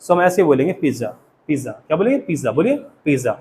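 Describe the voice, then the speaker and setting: A man with an Indian accent and a high voice teaches a class, firing questions at the students and drilling them to repeat. Faint noise sits behind the voice. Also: sing-song, racing, darkish tone. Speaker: English teacher.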